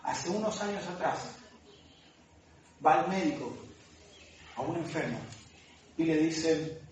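Argentine male pastor, higher voice, emotional sermon storyteller, roomy distant hall sound, faint ambience. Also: slow, slight background noise. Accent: Argentine Spanish. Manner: emotional storytelling, voice dropping soft at tender moments. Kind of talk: sermon testimony. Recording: echoey hall, voice from far off.

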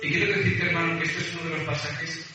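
A man's voice: on the high side, flat delivery, quick pace, over music. A man from preaching a sermon to a congregation, reading scripture aloud with hesitant fillers between phrases. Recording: very echoey hall from far off.

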